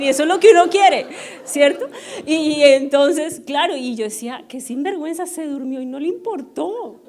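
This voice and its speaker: A middle-aged woman pastor, telling personal stories to her congregation in an animated, self-mocking way and checking in with the audience often. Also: a little high. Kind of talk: storytelling sermon to a congregation. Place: church service.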